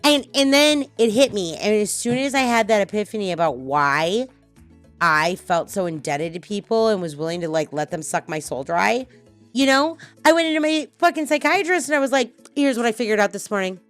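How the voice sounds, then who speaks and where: A middle-aged woman hosts a podcast in a loose, chatty way, blunt and quick to swear. Her voice sits mid-range for a woman. Her stories rush and swing with energy, and soft music plays faintly behind her. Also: mid-range voice, dry recording. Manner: blunt, swearing, animated storytelling. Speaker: podcast host. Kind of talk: casual podcast talk.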